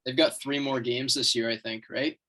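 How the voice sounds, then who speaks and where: A man's voice: medium pitch, steady tone, pushed and bright. Young man chatting on a sports podcast. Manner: chatty, reads updates out haltingly. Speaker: podcast co-host. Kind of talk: casual chat.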